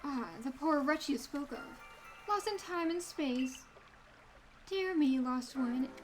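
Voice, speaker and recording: A woman's voice: high voice, lively intonation, slow pace, faint music behind. A woman voicing a stately, cryptic female sage from a fantasy game, speaking in a formal, archaic and grave manner. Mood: grave, instructive. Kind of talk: reading game dialogue in character.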